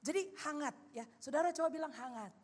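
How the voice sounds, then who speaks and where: A woman pastor, preaching a sermon loudly and with animation, adding playful asides. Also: high voice, fairly quick. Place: large church hall. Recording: long hall reverb.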